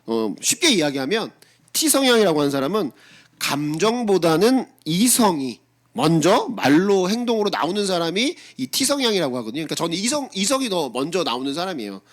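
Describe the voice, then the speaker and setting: A middle-aged pastor preaching a sermon in a high, lively voice that climbs and drops a lot. He talks with his congregation more than at them, firing rhetorical questions and acting out blunt replies of his own. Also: fairly quick. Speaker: senior pastor.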